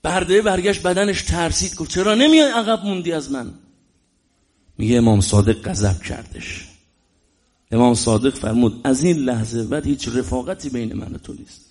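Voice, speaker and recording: A man preaching a religious sermon in an emphatic way, often rising into loud exclamations. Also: mid-range voice, expressive.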